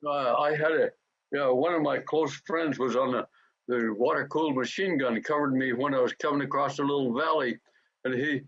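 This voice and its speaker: A very old man in his nineties tells his wartime memories in a husky, breathy voice. He talks haltingly and often stops to restart his words. The recording is dry and dull, like lo-fi tape. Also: medium pitch, a bit bright, no echo. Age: 90s. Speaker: war veteran interviewee. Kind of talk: recounting memories in an interview.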